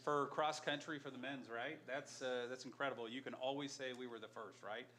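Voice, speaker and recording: Council president, Indiana man, folksy and bright, room crowd and faint noise behind. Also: mid-range voice, steady tone, brisk. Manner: upbeat, folksy and chatty. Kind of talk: council meeting remarks. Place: city council chambers. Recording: crowded chamber with background noise.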